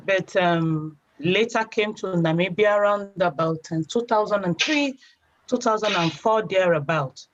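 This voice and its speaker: A woman's voice: mid-range voice, unhurried. Chatty Nigerian woman, dull lo-fi sound. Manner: chatty storyteller, leans on "you know". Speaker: guest. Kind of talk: casual interview.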